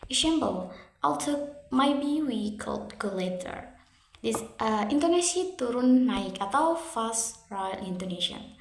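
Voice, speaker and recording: A young woman reads a prepared lesson in a calm, even, measured way. Her voice sits somewhat high, and the recording has the echo of a bare room. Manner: steady, measured reading that switches between English and Indonesian explanations. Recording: echoey room.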